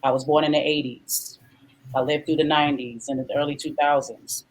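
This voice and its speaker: A woman's voice: deep voice, fairly even intonation, moderate pace, rough recording. A woman in her thirties, a guest in a podcast discussion, talking bluntly and emphatically. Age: 30s.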